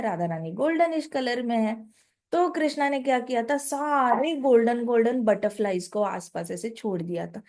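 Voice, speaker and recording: High-voiced woman telling a devotional story. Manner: expressive, mixes in English phrases, explains asides.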